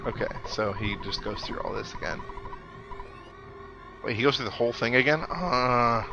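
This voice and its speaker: A man with a gravelly, mid-range voice speaks at normal speed on a lo-fi recording, video game music in the background. Hosting a playthrough series, he reads game dialogue aloud and chats casually with dry, musing remarks.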